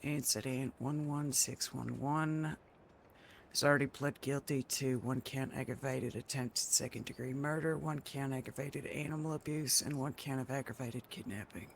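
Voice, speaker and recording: A man's voice: medium pitch, fairly even intonation, normal speed, vocal fry, slight background noise. A man playing a prosecutor in a role-play courtroom, formally reading out long lists of charges.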